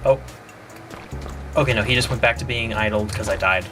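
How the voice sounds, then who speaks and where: A man with a fairly low voice talks fairly quickly while playtesting the game he's developing, with music playing in the background. It's a casual think-aloud dev stream, and he tends to trail off mid-thought.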